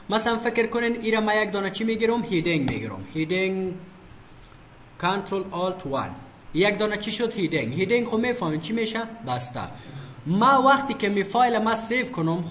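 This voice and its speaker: A man walks through a software tutorial in a fairly high voice. He keeps asking a question and then answering it himself. A faint hiss of background noise sits under the recording. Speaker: computer teacher.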